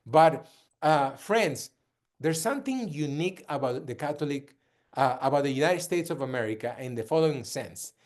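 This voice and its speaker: Earnest man from Peru, slightly high voice. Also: expressive, normal speed, a little mellow. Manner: earnest, with frequent restarts and repetition. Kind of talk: direct-to-camera talk.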